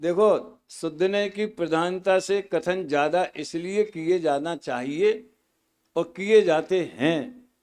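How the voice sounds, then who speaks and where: A man's voice: fairly high pitch, slow, a little mellow. A man teaching scripture at a study camp, explaining terms patiently with homely examples and repeating key words.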